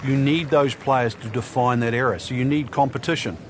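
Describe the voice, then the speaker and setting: A man voicing a golf color analyst in a video game, explaining the course in a relaxed, casual way. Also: medium pitch, brisk, music in the background, close to an everyday voice.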